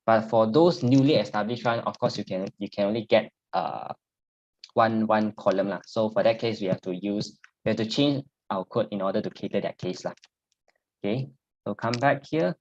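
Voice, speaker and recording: Informal programming instructor, Singlish with "lah" endings, Singaporean or Malaysian accent, mid-pitched voice, dull recording. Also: moderate pace, darkish tone. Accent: Singaporean or Malaysian English. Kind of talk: informal technical tutorial, explaining step by step.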